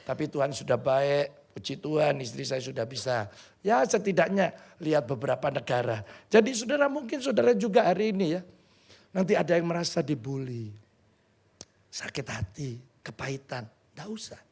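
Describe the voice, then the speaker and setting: An older pastor delivers a sermon in a high, husky voice with a gravelly edge. His pitch swings widely as he tells stories and acts out the dialogue. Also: moderate pace. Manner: lively storytelling, mixing in Javanese phrases and acting out dialogue.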